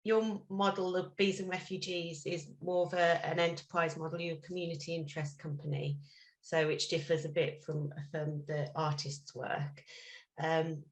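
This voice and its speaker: A woman's voice: sits low, flat delivery, moderate pace, poor audio. A woman moderating a panel over a video call, thanking guests and asking encouraging questions with some fillers.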